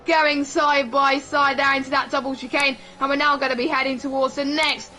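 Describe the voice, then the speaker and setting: Bright, high-voiced woman race commentator. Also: normal speed, a little hiss or hum. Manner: excitable, frequent exclamations. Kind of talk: live sim racing commentary.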